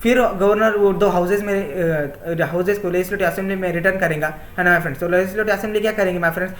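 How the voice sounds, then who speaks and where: A man's voice: high-pitched, fairly quick, fairly bright tone. A young man teaching an exam-prep class in Hindi mixed with Indian-accented English, often repeating himself and asking his students "my friends". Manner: repetitive, often asks "my friends" and "है ना". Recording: echoey room.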